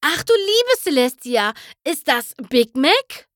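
Twilight Sparkle, an exasperated young female pony as a woman reading a storybook puts her on, scolds in a stern, pointed way. Her voice rises high with a lively swing and comes out slow and deliberate. The sound is close and dry. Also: no echo, heavily acted.

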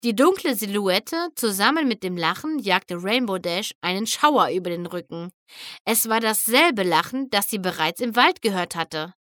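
A woman narrating a storybook in an expressive, unhurried reading. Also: medium pitch, no echo, clean studio sound.

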